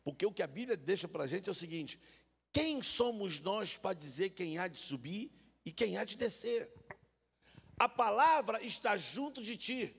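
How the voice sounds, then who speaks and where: Raspy high-voiced preacher. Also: male voice, expressive, measured pace, fairly bright tone. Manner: storytelling preacher, addresses listeners as brothers. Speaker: pastor. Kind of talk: sermon. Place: church. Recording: reverberant church hall.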